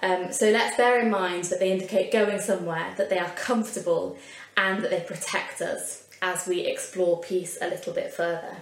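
A woman's voice: lowish voice, steady tone, normal speed. Earnest woman preaching in an echoey room. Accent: Yorkshire. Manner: earnest and conversational, with light asides. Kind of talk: sermon. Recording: roomy echo.

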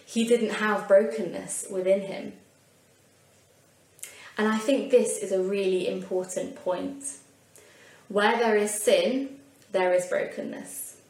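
A woman with a Yorkshire accent preaches a sermon in a mid-pitched voice. She talks in an earnest, conversational way and drops in light asides. Her voice rings in a roomy, echoing space. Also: little pitch movement, a little slow, vocal fry, a little mellow. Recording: roomy echo.

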